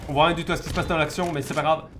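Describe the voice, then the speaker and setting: Racing along in a slightly high, steady voice, a French man casually calls a video game match live as an esports caster. He echoes words while finding his next phrase, and gunfire and clicks ring out across the noisy stream.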